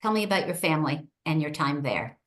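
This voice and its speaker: A middle-aged woman with a low, animated voice speaks fairly quickly as host of a short video-call interview. She's a state senator, and she introduces her guest and asks questions in an upbeat, enthusiastic manner.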